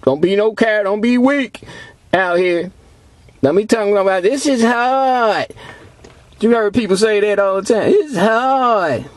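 A man preaching a sermon, reading scripture slowly and stretching out the words, then pressing his listeners with rhetorical questions. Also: high-pitched, no room sound. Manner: emphatic, drawn-out preaching cadence.

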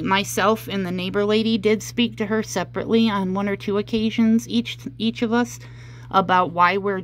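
Aggrieved, halting woman over background noise. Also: medium pitch, low-quality recording. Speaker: vlogger telling a personal story. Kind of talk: casual personal vlog storytelling. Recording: clear background noise, handheld home recording.

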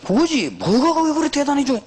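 A middle-aged man, a pastor, preaching a sermon in an emphatic, exhorting manner, with animated storytelling. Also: extremely high pitch, fast talker.

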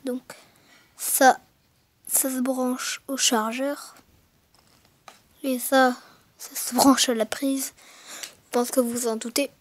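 A woman recording a casual unboxing narration through a gaming headset mic, talking hesitantly with many fillers and self-corrections. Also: high-pitched. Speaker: gaming video maker.

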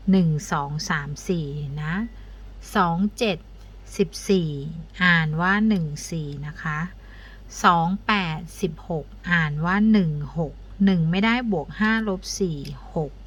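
A woman's voice: on the low side, slight background noise. Woman teaching abacus multiplication. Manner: counts digits aloud, asks pupils for answers. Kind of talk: step-by-step math lesson.

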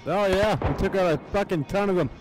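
A man chattering on squad comms in an online war game, excitable and swearing freely. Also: high-pitched, quick pace, over music, low-quality recording. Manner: excitable, profane. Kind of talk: casual gaming comms chatter. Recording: gunfire-filled game voice chat. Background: game gunfire and artillery.

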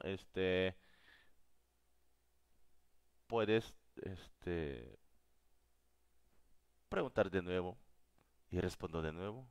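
A man's voice: low voice, smooth, no echo, clean studio sound. A Korean man, a native Korean speaker, teaching a live online language class, explaining patiently and repeating each word several times.

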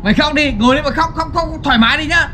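A man hosting a slapstick comedy skit, teasing his partner in rapid banter outdoors. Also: very high voice, sharp tone, slight background noise.

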